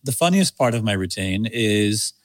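A man's voice: lowish voice, big pitch swings, moderate pace, no echo. A man in his fifties, a company head as podcast guest, talking in a chatty, self-deprecating way and often repeating himself. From Armenian. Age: 50s. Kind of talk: casual podcast interview.

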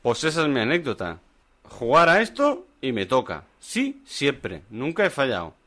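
A man's voice: medium pitch, huge pitch swings, normal speed, pushed and bright. Rambling joking man. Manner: joking, rambling anecdotes with many restarts. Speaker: podcast co-host. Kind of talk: casual chat before a live audience. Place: bar with a live audience.

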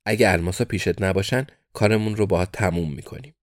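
A man's voice: on the low side, no room sound, clean studio sound, close to an everyday voice. A man voicing a young American crime-family heir who makes threats but sounds sheepish. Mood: blustering threat.

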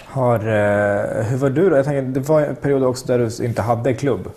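A man's voice: mid-range voice, darkish tone. Casual male interviewer with short prompts. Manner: short prompting questions and backchannels. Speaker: podcast host, interviewer.

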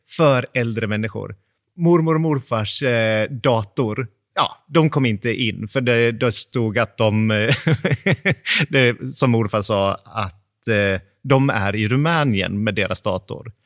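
A man's voice: mid-range voice, fairly bright tone, dry recording, clean studio sound. A man hosting a podcast at home in casual chat, talking freely and laughing often mid-sentence. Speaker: podcast host.

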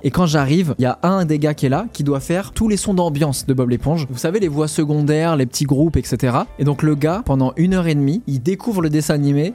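A young man with a slightly raised voice tells his stories with energy, slipping into slang and laughing easily. He sounds like a video creator chatting casually through an interview. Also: on the high side. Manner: animated, slangy, laughs often. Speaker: YouTuber being interviewed. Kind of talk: casual anecdote telling.

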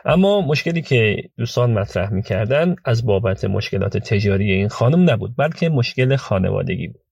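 A man hosting a storytelling podcast about legal cases, talking chattily with frequent hesitations, his voice hoarse from a cold. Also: fairly low pitch, lively intonation, darkish tone, dry recording, highs cut off. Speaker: podcast host and lawyer recounting client cases.

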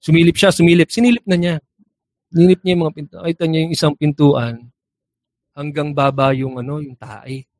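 Animated man telling jokes. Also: a little high, a little fast, no room sound. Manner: animated, acts out characters with sound effects, laughs at own jokes. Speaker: guest telling a joke. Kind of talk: casual storytelling.

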